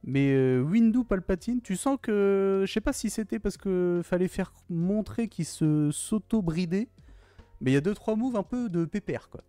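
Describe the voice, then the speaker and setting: A man's voice: high voice, animated, moderate pace, warm tone, clean tone, no echo, faint music behind. A young man gushing in a casual, slangy film review, often repeating his exclamations. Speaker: YouTuber reviewing films.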